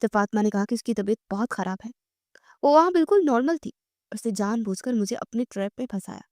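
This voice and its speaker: A woman's voice: a little high, lively intonation, darkish tone, dry recording, studio quality, lightly acted. A woman reading as a firm, tender young husband. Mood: earnest. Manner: earnest, reassuring.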